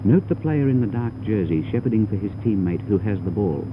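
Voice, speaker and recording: Narrating a 1930s training film in a formal, didactic manner, a man speaks briskly and animatedly in a lowish voice. The old soundtrack is noisy, and the audio has a phone-like quality.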